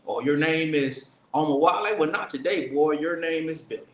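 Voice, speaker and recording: A man's voice: a little high, normal speed, reverberant, muffled recording, natural voice. A man voicing a domineering male plantation owner who speaks in a contemptuous, commanding way. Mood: taunting, commanding.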